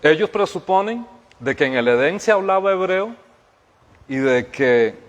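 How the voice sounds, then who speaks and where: Man, pastor preaching a sermon, fairly high voice, long hall echo. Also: expressive, a little slow, lo-fi sound. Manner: emphatic preaching, rising to shouts, then dropping to quiet explanation. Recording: hall reverb.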